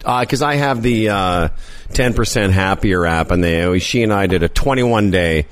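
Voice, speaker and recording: A man's voice: sits low, moderate pace, no room sound. Male talk host, playful teaser, dry booth sound. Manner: playful, teasing. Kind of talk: casual chat.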